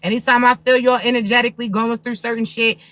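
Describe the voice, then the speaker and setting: A woman's voice: on the high side, little pitch movement, fast, a bit bright, no room sound. A woman spiritual reader giving a blunt, profane, preachy pep talk to viewers on a livestream.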